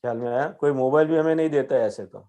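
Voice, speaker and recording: A man with a Gujarati accent giving a gentle spiritual teaching, patiently checking that his young listener understands. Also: mid-range voice, quick pace.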